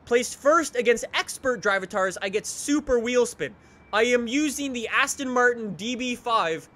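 A young man commentating a racing game let's play, excitable and energetic, sometimes breaking into shouts. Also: extremely high pitch, moderate pace. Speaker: gaming YouTuber.

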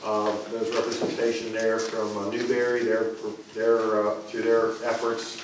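Flat-voiced man giving an engineering report. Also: fairly low pitch. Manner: matter-of-fact, level, halting with fillers. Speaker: borough engineer. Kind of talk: reading out a project report. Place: council chamber. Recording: echoey room from far off with noise.

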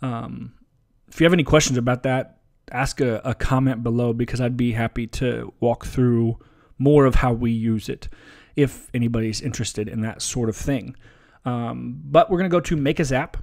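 A man presenting a relaxed, casual software tutorial over a screen recording, with frequent ums and uhs. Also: medium pitch, normal speed, gravelly. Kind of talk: screen-share software walkthrough.

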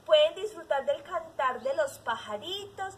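A woman teacher in character as Mother Nature, telling a story to young children in an outdoor garden with lively exclamations. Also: high voice, unhurried, slight background noise. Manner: animated, exclamatory, sing-song.

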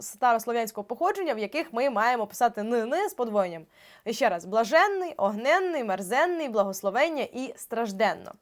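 A young woman teacher giving an exam-prep grammar lesson, explaining step by step and drawing out example words slowly. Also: on the high side. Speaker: Ukrainian language teacher.

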